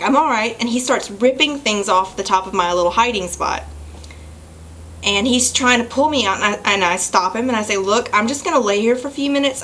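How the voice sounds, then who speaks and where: A young woman speaks straight to her camera from a small room at home, sharing a personal story. Her voice sits in an ordinary middle pitch, and she talks in a halting, emotional way, stopping to apologize and laugh softly. There is a faint hiss of noise under her voice. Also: low-quality recording. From Southern United States. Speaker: vlogger.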